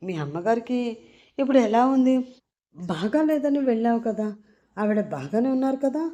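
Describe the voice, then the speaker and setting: A woman's voice: fairly high pitch, sing-song, moderate pace, mellow, muffled recording, voice pushed up. A woman voicing a worried young woman who pleads and asks anxious questions. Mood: anxious pleading.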